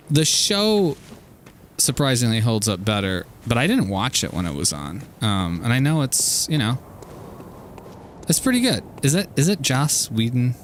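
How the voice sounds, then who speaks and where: Slow-talking man doing game commentary. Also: medium pitch, slight background noise. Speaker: video game streamer. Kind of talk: casual rambling game commentary.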